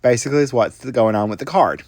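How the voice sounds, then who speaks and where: A man's voice: mid-range voice, fast, darkish tone, no echo. A middle-aged man, casually narrating a card-making tutorial with folksy, self-deprecating asides to his viewers. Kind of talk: casual crafting tutorial voice-over.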